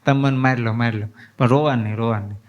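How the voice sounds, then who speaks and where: A man's voice: medium pitch, fairly even intonation, quick pace, muffled recording, close to an everyday voice. A man doing a stubborn little village boy. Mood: pleading. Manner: eager, pleading childlike talk.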